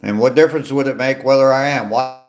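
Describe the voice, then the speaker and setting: He talks fast, his medium-pitched voice fairly even in intonation. A man in his sixties out on a walk, he live-streams from his phone, reading viewer comments aloud and answering them in a chatty, relaxed fashion with dry humor.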